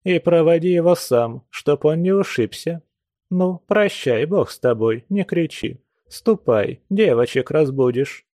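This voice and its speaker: A stern old woman who runs the house and orders people about with firmness, as a male reader puts her on. Her pitch is raised, while the tone stays warm and dark, recorded close and dry. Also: expressive, unhurried, no echo. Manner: firm, commanding.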